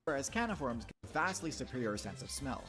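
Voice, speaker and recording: A man's voice: medium pitch, sing-song, fast talker. A man delivering scripted narration in the style of a documentary explainer. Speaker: video narrator. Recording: clear music bed behind narration.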